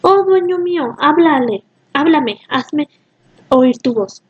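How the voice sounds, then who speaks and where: A woman's voice: sits high, animated, slow pace, dull audio. A woman voicing a cruel, vengeful sorceress in a storybook reading. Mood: pleading.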